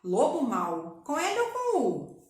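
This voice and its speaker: A woman's voice: a little high, huge pitch swings, slow, darkish tone. A woman teacher giving a recorded class to young pupils, affectionate and checking in with frequent tag questions. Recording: very echoey room with faint noise.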